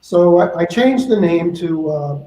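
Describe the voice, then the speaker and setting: A man with a fairly high voice talks through a video-call mic soaked in reverb, and his words ring out as if from a vintage echo chamber. He chats loosely and tells stories in restarts, a guest musician on a live stream. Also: animated, unhurried, warm tone. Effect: heavy built-in reverb on his mic, like an old echo chamber. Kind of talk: casual chat on a live stream. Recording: echoey reverb-heavy home mic.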